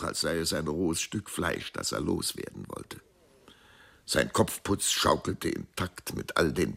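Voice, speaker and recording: A man narrating a radio drama in a measured, expressive storytelling manner. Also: low voice, vocal fry, slightly rough.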